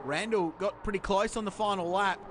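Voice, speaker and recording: An Australian man commentating live on motor racing in an excitable, emphatic race-calling manner. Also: high voice, fairly quick. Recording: loud race car engine noise. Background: racing cars and trackside ambience.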